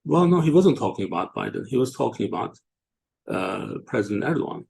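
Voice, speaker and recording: Gravelly man, halting speech. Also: medium pitch, big pitch swings, a little mellow. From Turkey. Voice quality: gravelly, husky. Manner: halting, many fillers and restarts. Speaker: show host. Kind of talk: casual online discussion.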